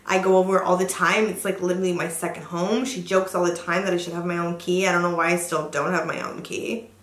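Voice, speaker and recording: A young woman chatting while doing her makeup, earnest and gushing, slipping into quiet asides to herself. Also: fairly low pitch, flat delivery, fast talker, reverberant. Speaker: beauty vlogger. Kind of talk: chatty get-ready-with-me makeup tutorial. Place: bright room, seated on a sofa indoors.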